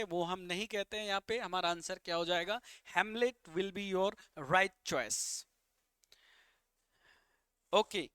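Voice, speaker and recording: Man, teacher, live online vocabulary lesson, bright tense voice, coaxing viewers. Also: high-pitched, smooth, no echo. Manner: explains English words in Hindi, coaxing viewers to comment.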